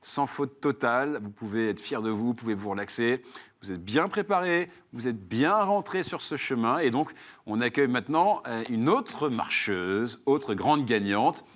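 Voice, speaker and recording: A man hosting a TV quiz, his voice moving animatedly up and down as he reads out questions and options. He is playful and quick with a joke, with a middling pitch for a man. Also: lively intonation, a bit bright. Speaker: quiz show host. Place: TV studio.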